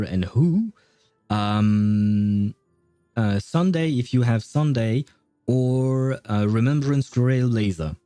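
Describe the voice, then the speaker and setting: Warm-toned and fairly low-pitched with no room sound, this livestream host chats loosely over a game stream. His talk drifts, and he frequently forgets where he was going.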